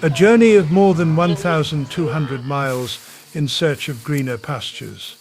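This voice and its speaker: A man narrating a nature documentary from a script in a dramatic, measured, portentous way. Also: a little high, darkish tone. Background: music.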